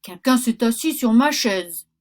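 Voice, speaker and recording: A woman voicing a big fat male papa bear in a storybook reading, speaking loudly. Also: a little high, lively intonation, measured pace. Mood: grumbling.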